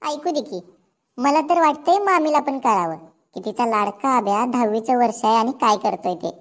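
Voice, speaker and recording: Woman voicing a teasing cartoon teen girl, blunt, needling, higher pitch. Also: expressive, moderate pace, lightly acted. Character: sharp-tongued teenage village girl. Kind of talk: cartoon dialogue.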